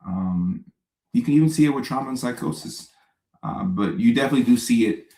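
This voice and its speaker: A man, hosting a casual live stream and answering viewer questions in a relaxed, chatty way with joking asides. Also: mid-range voice, brisk, vocal fry, echoey room, a little hiss or hum, poor audio.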